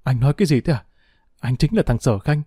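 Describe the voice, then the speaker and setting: A man's voice: mid-range voice, fairly quick, mellow, dry recording, studio quality, natural voice. Man reading a tearful, bitter young wife. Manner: sobbing, bitter reproach.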